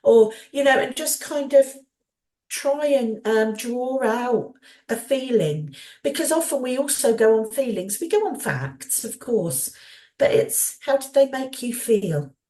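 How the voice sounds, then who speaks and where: A woman hosting a podcast, talking gently and thoughtfully, with lots of "um" and "you know". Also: on the high side, expressive, measured pace. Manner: gentle, thoughtful, with frequent fillers. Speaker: podcast host. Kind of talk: conversational podcast chat. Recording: roomy, echoey sound.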